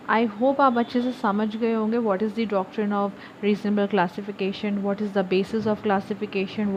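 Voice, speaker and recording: A young woman giving a law lecture to her viewers, explaining step by step and switching between Hindi and English legal terms. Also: medium pitch. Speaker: law teacher. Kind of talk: online lecture. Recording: slightly dull audio with faint background noise.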